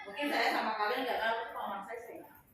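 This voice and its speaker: A woman counselor with a high voice, teaching a class of students in a chatty, conversational way. She is recorded by a camera far from her in a very echoey classroom, with noticeable room noise in the background. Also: very fast. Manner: conversational, chatty, teasing the class, with lively rises. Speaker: school counselor. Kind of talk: classroom guidance lesson.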